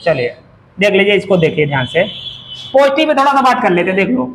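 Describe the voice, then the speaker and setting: A man with a strikingly high voice lectures a classroom of students as their grammar teacher. He keeps putting questions to the class and repeats words several times to drill them in. A faint hiss of noise sits under the recording. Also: big pitch swings, fast, poor audio.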